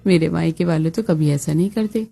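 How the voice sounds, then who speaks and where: A woman's voice: deep voice, fairly quick, creaky, warm tone, husky, soft background music, pitched below the performer's own voice, exaggerated voice. A woman voicing a lazy, mocking elder sister-in-law in a cartoon, with a smug, teasing tone.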